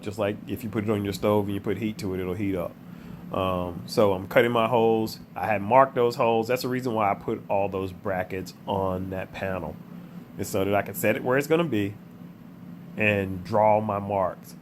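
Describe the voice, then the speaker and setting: Low-voiced man narrating a how-to, under the weather. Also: slight background noise. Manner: plain-spoken, explanatory, addressing the viewer. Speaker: contractor giving an install tutorial. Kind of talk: casual how-to voice-over narration.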